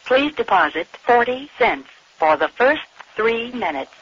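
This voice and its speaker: Woman, recorded payphone call prompts, slow and clipped, dull lo-fi line. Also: a little high, big pitch swings, husky. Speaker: automated payphone operator recording. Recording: dull lo-fi phone line with faint noise.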